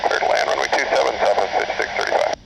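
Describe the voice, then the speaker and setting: A man speaking as an airline pilot over his cockpit radio, rattling off procedural readbacks heard through a scanner. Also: a bit bright. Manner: rapid, procedural phrasing. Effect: pilot's cockpit radio call heard over a scanner. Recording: noisy radio transmission.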